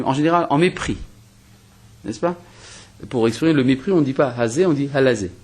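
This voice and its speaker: An Algerian rabbi teaches a spoken lesson, reasoning step by step with rhetorical questions, hesitant restarts and fillers. His voice is medium-pitched, a little mellow and slightly rough.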